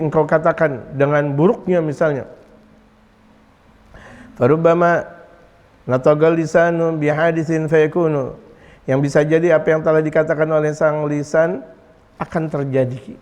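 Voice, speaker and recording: Male preacher, high voice, animated delivery with loud outbursts, long hall reverb. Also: highs cut off. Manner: lively, swings from quiet to loud, chuckles often. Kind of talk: Islamic sermon in Indonesian.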